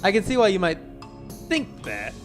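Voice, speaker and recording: A man's voice: sits high, huge pitch swings, moderate pace, soft background music. A man voicing a creepy, overly polite male innkeeper who claims a lisp and stresses words oddly. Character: creepy grinning male innkeeper, suspiciously cheerful.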